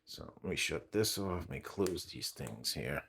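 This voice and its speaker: A low-voiced man with a New England accent talks through a hands-on gear test. He calls out readings one after another and rambles into chatty asides between them, in an easy, unscripted way. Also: animated, moderate pace, creaky, a bit bright, a little hiss or hum. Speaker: channel host testing gear. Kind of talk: casual hands-on test narration.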